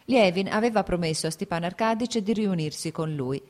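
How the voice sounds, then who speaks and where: A woman reading a classic novel aloud as an audiobook, steady and measured. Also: lowish voice. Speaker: audiobook narrator.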